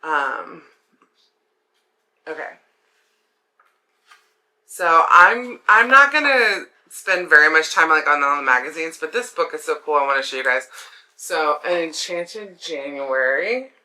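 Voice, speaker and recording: A woman's voice: sits low, measured pace, pauses often, bright, forceful tone. A woman with a swollen throat affecting her voice, hosting a casual craft vlog in a chatty, rambling way with enthusiastic asides. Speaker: craft video host.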